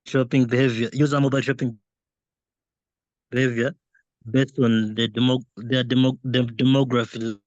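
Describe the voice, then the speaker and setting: A man, a student in an online class, answering haltingly while his audio keeps breaking up over a bad internet connection. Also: medium pitch, level tone, darkish tone, no room sound. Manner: halting, searching for words. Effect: choppy audio breaking up over a bad internet connection. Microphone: video call. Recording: dull, lo-fi online call audio.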